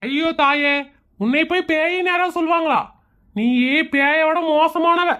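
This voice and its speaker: Comedy skit: man as sarcastic, fed-up husband, high-pitched voice, Kongu Tamil accent, argumentative and mocking. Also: a little slow, bright, forceful tone, heavily acted. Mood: indignant sarcasm. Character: exasperated, sarcastic husband who mocks everyone around him.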